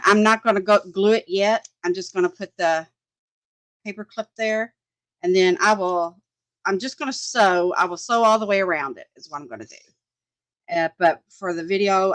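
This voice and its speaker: A woman's voice: fairly low pitch, dry recording, poor audio. Chatty woman crafting and chatting. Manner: chatty, rambling, thinks aloud, laughs often, reads and answers comments. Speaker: crafting livestream host. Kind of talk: casual crafting chat.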